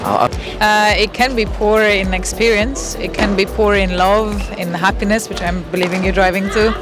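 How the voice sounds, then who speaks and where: A woman from Poland answering a street interview outdoors, deliberate as she builds her answer. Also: mid-range voice, steady tone, music in the background. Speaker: passer-by.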